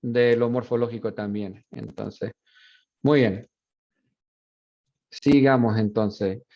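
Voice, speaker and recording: A man's voice: on the low side, slow, dull audio. A man teaching a university Spanish class, explaining features of a dialect and mixing Spanish with English. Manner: relaxed, explanatory, with fillers.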